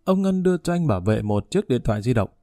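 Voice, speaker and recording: A man reads a novel aloud in a mellow, dark voice, steady and unhurried, with a light change of tone when characters speak. The recording is close and dry, with soft music faintly under him. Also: medium pitch, dry recording. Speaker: audiobook narrator. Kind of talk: scripted narration of a novel, voicing all characters.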